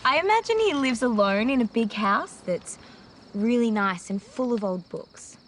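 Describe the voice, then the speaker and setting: A woman's voice: on the high side, animated, normal speed, a little hiss or hum, lightly acted. An actress playing a thoughtful, dreamy teenage girl in her late teens who muses aloud, in film dialogue. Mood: musing. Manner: reflective, musing, and sometimes prim. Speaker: high school student.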